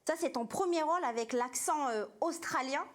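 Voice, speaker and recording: A woman's voice: high voice, moderate pace. A woman hosting a TV interview, asking friendly prompting questions. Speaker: TV host.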